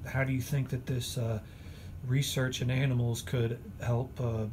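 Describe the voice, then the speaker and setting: A male host asks questions in a casual, upbeat way, pausing on fillers. His pitch is ordinary. The room behind him carries a steady, clearly audible hiss. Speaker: interviewer host. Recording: noisy room recording.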